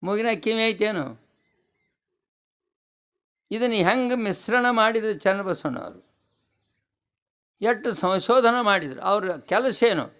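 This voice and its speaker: Speaking slowly and expressively with long pauses, this man has a high, clean, somewhat bright voice. He is a North Karnataka swami preaching a devotional discourse in the region's Kannada accent, repeating key lines and asking the audience rhetorical questions.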